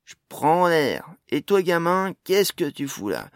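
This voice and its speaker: A man voicing a brash, sharp-tongued female dwarf in an audiobook, slangy and defiant. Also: on the high side, sing-song, slow, dry recording, clean studio sound, voice pushed up, exaggerated voice. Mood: mocking defiant. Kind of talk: audiobook character voice.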